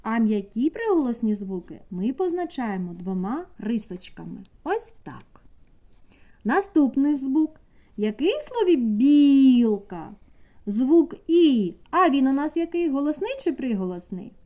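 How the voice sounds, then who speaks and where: A woman teaching a preschool class, asking the children slow, sing-song questions. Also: sits high, sing-song, mellow. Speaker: kindergarten teacher. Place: kindergarten classroom.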